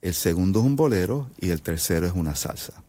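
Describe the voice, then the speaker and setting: Very low-voiced Puerto Rican man, composer guest, thoughtful, halting explainer. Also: lively intonation, mellow, no echo. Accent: Puerto Rican Spanish. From Puerto Rico. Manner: thoughtful, many fillers and restarts. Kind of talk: radio interview, explaining.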